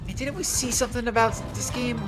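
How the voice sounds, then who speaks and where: A man's voice: very high voice, steady tone, quick pace, over music. A man co-hosting a podcast, chatting casually while reacting live, musing aloud with many "like"s. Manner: loose, musing, lots of "like". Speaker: podcast co-host.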